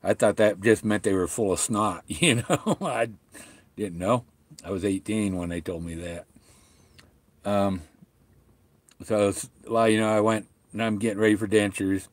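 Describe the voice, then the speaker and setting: A middle-aged man chatting casually and haltingly, rambling along, with a slight whistle and the loose speech of missing top front teeth. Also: on the low side, no echo. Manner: halting, rambling, often trailing off. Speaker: vlogger talking to viewers.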